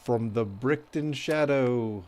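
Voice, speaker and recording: A man's voice: mid-range voice, takes it slowly, darkish tone, a little hiss or hum. A man giving casual, self-deprecating gameplay commentary, thinking aloud as he streams. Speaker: game live streamer.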